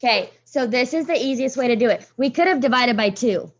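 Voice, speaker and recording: A woman teacher leading a math class, talking students through each step and calling on them by name, her voice a little hoarse. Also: on the high side, lively intonation, brisk, highs cut off. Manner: walks students through steps, calls on pupils by name. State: voice getting hoarse.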